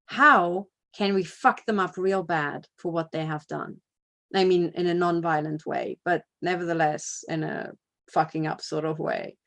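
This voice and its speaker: A woman's voice: fairly low pitch, measured pace, creaky, a bit bright. A woman giving a casual spoken report. She talks bluntly and emphatically, swears freely, and keeps checking in with "you know" and "right?". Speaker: activist giving a video report.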